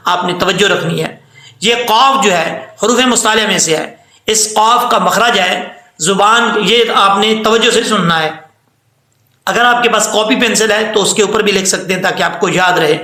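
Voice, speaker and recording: A man teaching Quran recitation rules, patiently repeating words and drawing recited phrases out slowly. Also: sits high, bright, forceful tone, roomy sound. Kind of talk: tajweed lesson with recitation.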